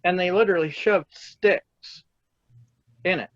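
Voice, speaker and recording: A man's voice: high-pitched, a little slow, a bit bright, no room sound, muffled recording. A man in casual video call chat, chatty and full of restarts as he shares movie trivia. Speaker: cosplay group member.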